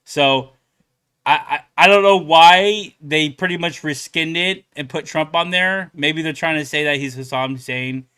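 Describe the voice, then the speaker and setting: A man's voice: a little high, measured pace, pushed and bright, clear, resonant tone. A young man hosting a reaction channel, rambling casually with many fillers and laughs. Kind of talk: casual commentary.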